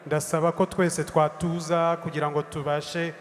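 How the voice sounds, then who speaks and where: Male moderator, monotone, hall with faint background noise. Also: a little high, normal speed. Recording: echoey hall with faint crowd ambience.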